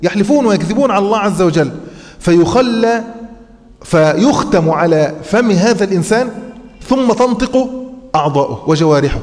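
High-voiced Egyptian sheikh in echoing hall. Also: male voice, animated, brisk, darkish tone. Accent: Egyptian Arabic. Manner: explains by posing rhetorical questions, with frequent hesitant fillers. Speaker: sheikh teaching Quran commentary. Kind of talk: classroom lecture on scripture. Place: mosque lecture hall. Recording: long reverberant hall.

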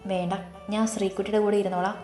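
A gentle young wife in a storybook reading, voiced by a woman narrator, talking softly and hesitantly. Her voice sits in a roomy space with faint music behind it. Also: mid-range voice, flat delivery, fast talker, close to an everyday voice. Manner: soft, hesitant.

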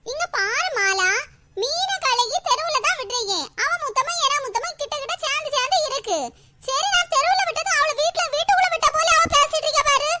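Woman voicing a squeaky quarrelsome village woman. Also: animated, pushed and bright, a little hiss or hum, exaggerated voice. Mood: indignant. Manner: scolding, sarcastic, rapid complaints. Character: loud quarrelsome village woman, sharp-tongued. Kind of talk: animated cartoon voice acting.

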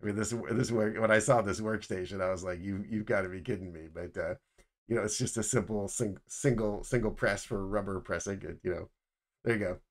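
A man's voice: fairly low pitch, fairly even intonation, brisk. A middle-aged man casually narrating factory slides as a footwear design instructor, explaining with frequent restarts. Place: indoors, webcam over slides.

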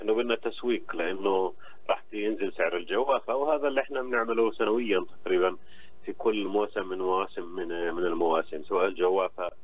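A middle-aged man with a Palestinian accent, speaking as an interview guest over the phone and explaining things in a halting way with repeated words. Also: low-pitched. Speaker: phone-in guest, agriculture official. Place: on the phone to a radio studio. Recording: dull phone line with clear hum.

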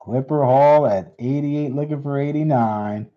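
A man hosting a live coin auction, repeating bids in steady auctioneer patter. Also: mid-range voice, a little slow. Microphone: unseen, hands on camera. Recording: dull lo-fi stream audio.

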